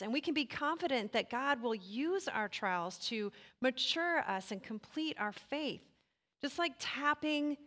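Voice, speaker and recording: Female church speaker, slightly higher voice, calm offering announcement. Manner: calm devotional talk leading into offering.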